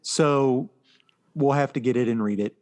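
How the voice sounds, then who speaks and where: In a casual podcast chat about comic books, a male co-host recaps events in an informal, explanatory way. His mid-range voice is unhurried, with a darkish tone.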